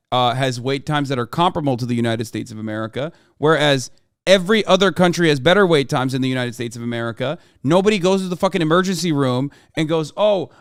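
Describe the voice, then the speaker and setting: A man's voice: fairly high pitch, clean tone, no room sound, studio quality. Profane, combative man ranting at chat. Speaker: livestream host. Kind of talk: heated political rant to chat.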